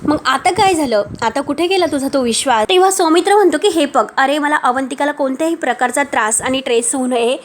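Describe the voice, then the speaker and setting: A woman giving a voice-over recap of a TV serial episode, retelling each line of dialogue in steady reported speech. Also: high voice, brisk, hardly any pauses, a little hiss or hum. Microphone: voice-over recorded separately from the pictures.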